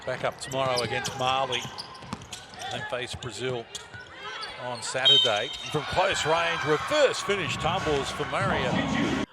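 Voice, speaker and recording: A man's voice: medium pitch, a little slow. A man giving live play-by-play basketball commentary. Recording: noisy arena broadcast clip.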